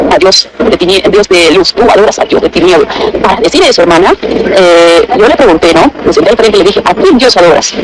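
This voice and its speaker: A woman's voice: medium pitch, background noise. A woman gives a fervent, repetitive church testimony, talking straight to a fellow sister. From Peru. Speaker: church member giving testimony. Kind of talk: emotional spoken testimony.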